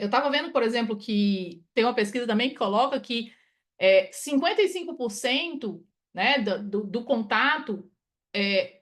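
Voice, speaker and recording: A project management consultant from Ceará, Brazil, gives a chatty webinar over a video call, tacking "né?" onto many of her phrases. Her voice sits high and sounds a bit bright.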